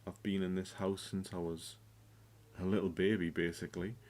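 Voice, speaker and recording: A man's voice: low voice, little pitch movement, a little mellow. A man in his thirties talking hesitantly about his own life, with frequent ums and restarts. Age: 30s. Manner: halting, hesitant, full of ums. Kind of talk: casual personal confession.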